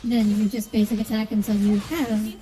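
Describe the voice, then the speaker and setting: This gaming streamer plays through a story quest, alternating relaxed remarks with reading the game's narrative text out loud. Her voice has a medium pitch and a dark tone, moving little in pitch at a moderate pace. Game music plays in the background, and the sound is reverberant.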